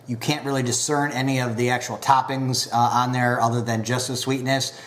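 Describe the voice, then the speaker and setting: A man in a casual pipe tobacco review speaks in a level, mid-range voice, taking his time with plenty of filler pauses and sounding a bit congested from a recent cold.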